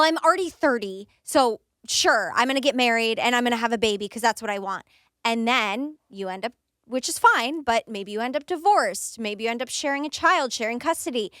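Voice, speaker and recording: A woman's voice: fairly bright tone, clean tone, dry recording, studio quality. A woman in her thirties in casual podcast chat, talking freely and acting out little quotes along the way. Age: 30s. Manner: chatty, acts out quotes in a higher voice.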